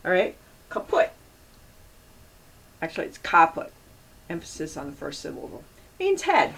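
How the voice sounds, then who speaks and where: A woman's voice: deep voice, huge pitch swings, fast talker, gravelly. A woman teaching a Latin grammar lesson, patiently repeating and drilling word endings as she works at the board. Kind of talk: classroom lecture at a board. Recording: distant mic with faint room noise.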